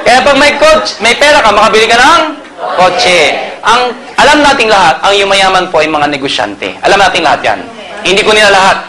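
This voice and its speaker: Male seminar presenter, high voice, playful and teasing with a live audience, crowd and hiss behind. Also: lively intonation, a little fast. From Pangasinan, Philippines. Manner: joking, storytelling, quizzes the crowd. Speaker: marketing presenter. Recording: noisy hall with a reacting crowd.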